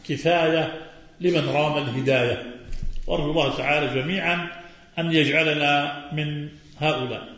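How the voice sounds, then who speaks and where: A man's voice: fairly high pitch, gravelly, a bit bright. Man teaching in a very echoey room. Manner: didactic, quizzes the audience and repeats key words. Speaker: Islamic scholar answering questions. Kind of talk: religious lesson. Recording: very echoey, muffled recording.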